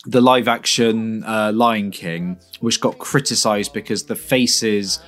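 A man co-hosting a podcast, chatting casually about a film, animated and laughing often. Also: lowish voice, takes it slowly, soft background music. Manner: animated, laughs often, drops into quiet asides. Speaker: podcast co-host.

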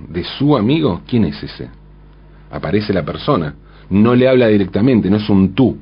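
A man's voice: lowish voice, expressive, normal speed, husky, lo-fi sound. A man, talking through a song's lyrics in a thoughtful way, often asking rhetorical questions. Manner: thoughtful, frequent rhetorical "¿no?", self-corrections. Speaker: commentator analyzing song lyrics. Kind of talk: spoken lyric analysis, measured and reflective.

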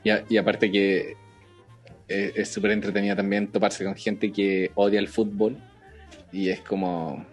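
A man's voice: on the low side, level tone, a little slow, faint music behind. A man with a Chilean accent chatting casually about a film and acting out its characters' lines as he retells scenes.

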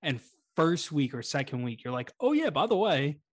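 A man's voice: a little high, very animated, moderate pace. A man co-hosting a podcast in casual comedic banter, joking, swearing and poking fun at himself. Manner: profane, joking, self-deprecating. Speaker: podcast co-host.

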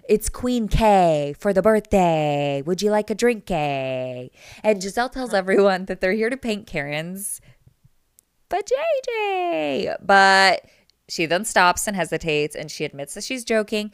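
Young female podcast co-host, low pitch, clean dry sound, chatty recap delivery. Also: fairly bright tone, smooth, dry recording. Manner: chatty, narrates scenes, laughs often. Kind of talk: casual TV recap chat. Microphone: remote call audio.

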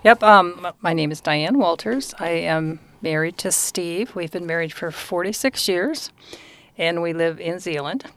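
A woman's voice: on the low side, measured pace, fairly bright tone. A woman in her sixties, a guest on a podcast, talking about her life in a brief, matter-of-fact way. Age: 60s. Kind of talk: casual chat.

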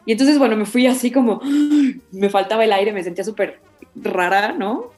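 A woman's voice: medium pitch, fairly quick, faint music behind. A voice actress, talking casually in an interview and acting out the quotes in her story. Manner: animated, many fillers, acts out quotes.

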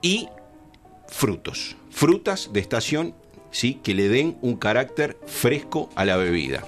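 A man in his fifties with a Uruguayan Spanish accent talks through a cocktail recipe. His pitch moves up and down a lot, and he keeps pausing to ask the group questions. Faint music plays underneath. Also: big pitch swings. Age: 50s. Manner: explains step by step, asks the group questions. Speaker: guest bartender. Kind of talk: casual chat, cocktail demonstration.

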